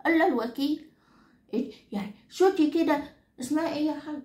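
A woman's voice: high-pitched, quick pace, darkish tone, roomy sound, natural voice. A woman playing a nagging Egyptian grandmother of nearly ninety who is henpecked by her husband. She rants in an Egyptian Arabic accent, scolds, repeats herself and swears exaggerated oaths. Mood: scolding rant. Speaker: comic character monologue. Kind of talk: comic rant to the audience.

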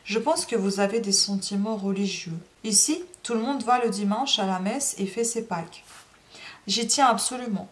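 A woman's voice: medium pitch, normal speed, close to an everyday voice. A woman reading a novel aloud, voicing a cold, condescending aristocratic countess. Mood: haughty.

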